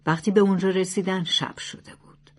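A woman narrates old proverb tales in a clear, measured reading voice. Her pitch sits in an ordinary middle range. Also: steady tone.

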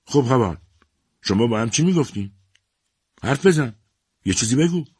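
A man's voice: mid-range voice, huge pitch swings, husky, no echo, clean studio sound, voice pushed up. A man voicing a suspicious, scolding mother who mocks and accuses her son. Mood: demanding. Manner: sneering, accusing.

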